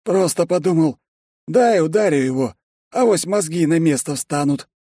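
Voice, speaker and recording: A man's voice: on the high side, expressive, moderate pace, dark tone, dry recording, studio quality, voice pushed up. A man voicing a cheeky male half-pixie secretary in an audiobook, with a teasing, coaxing, nonchalant manner. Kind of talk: audiobook character voice.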